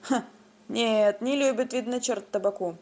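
A woman's voice: a little high, a little slow, a little mellow. A woman voicing a stubborn, grumbling old village grandfather who exclaims and mutters to himself.

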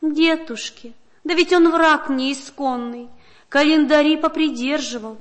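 A woman's voice: sits high, unhurried, voice pushed up. A woman reading aloud and voicing a frightened, pleading provincial governor. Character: frightened outdated male governor.

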